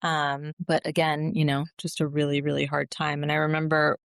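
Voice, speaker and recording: A woman's voice: deep voice, completely flat delivery, moderate pace, vocal fry, clear, resonant tone, no echo, clean studio sound. A woman in her thirties, a podcast guest, telling a personal story earnestly and emotionally, with many fillers and restarts.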